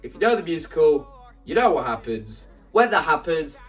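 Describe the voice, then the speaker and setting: In this casual explanatory vlog on putting on a musical, a male video creator speaks with a somewhat high, fairly bright voice that swings widely in pitch, at a moderate pace. He rambles eagerly, cuts himself off mid-thought, and performs the lines he quotes. Soft background music plays, and the mic is distant.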